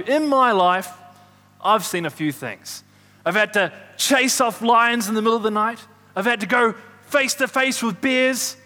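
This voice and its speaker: A man playing a bright, whooping Kiwi shepherd. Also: very high-pitched, exaggerated voice. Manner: rambling, animated storyteller with loud whoops. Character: excitable chatty male shepherd, middle-aged. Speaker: shepherd character in a church Christmas play. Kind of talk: comic stage acting. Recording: echoey hall reverb.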